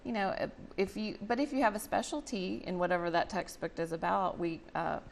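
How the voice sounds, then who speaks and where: A woman's voice: mid-range voice, fairly quick, creaky, a little hiss or hum. A woman explaining things in a chatty, conversational way as an interview guest. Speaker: guest, representative of a volunteer reading charity.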